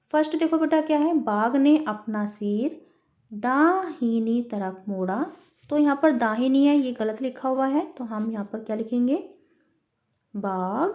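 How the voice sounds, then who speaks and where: The audio is dull as a primary school teacher with a high-pitched, darkish voice leads young children through a worksheet. She spells words out one syllable at a time and refers to her listeners as "beta."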